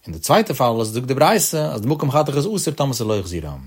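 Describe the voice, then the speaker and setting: A man's voice: mid-range voice, big pitch swings, quick pace, husky. A man giving a Talmud study lecture, with a sing-song cadence that rises and drops on each phrase. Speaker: Talmud teacher.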